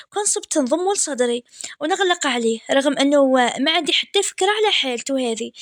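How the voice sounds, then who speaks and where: High-voiced Algerian woman telling a story. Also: no echo, studio quality. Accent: Algerian Arabic. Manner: soft, intimate storytelling with frequent fillers. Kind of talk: first-person story narration.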